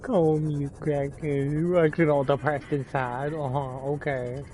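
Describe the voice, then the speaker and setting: This man's voice is on the high side, slightly mellow, unhurried and fairly flat in pitch as he streams a game and chats casually with friends in his party. He stammers, repeats words and fills his speech with fillers.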